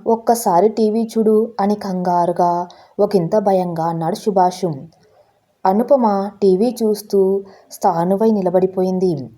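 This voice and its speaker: A woman narrating a scripted story. Her voice is very dark and mellow, with a middle pitch. She tells it steadily and with feeling.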